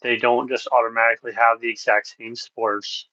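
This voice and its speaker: Podcast guy chatting casually, kinda rambly, mid pitch, dull lo-fi sound. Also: level tone, moderate pace, pushed and bright, no room sound. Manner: rambling, many fillers and restarts. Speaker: podcast co-host. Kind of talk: casual chat.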